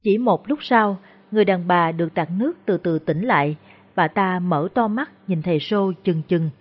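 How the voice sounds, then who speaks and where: A woman narrating a ghost story in a steady, even way. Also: lowish voice, moderate pace. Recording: dull lo-fi recording.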